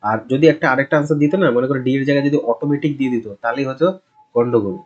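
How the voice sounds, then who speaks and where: A man's voice: mid-range voice, quick pace, darkish tone, muffled recording. A man teaching a casual exam-prep quiz lesson, talking conversationally and repeating answers with frequent check-ins. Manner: conversational, repeats answers, tags "ঠিক আছে?" often.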